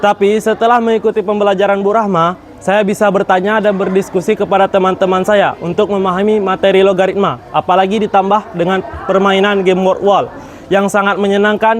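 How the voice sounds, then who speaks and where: A teenage boy student giving a prepared testimonial about his class in a recited way. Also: sits high.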